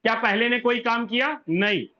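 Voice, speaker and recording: A man talks through a business plan in a very high, bright voice. He poses questions and answers them himself, and often stops to correct himself. The recording sounds somewhat dull and muffled. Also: normal speed. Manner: corrects himself mid-sentence. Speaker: presenter explaining a business plan. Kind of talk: explanatory walkthrough to an online audience.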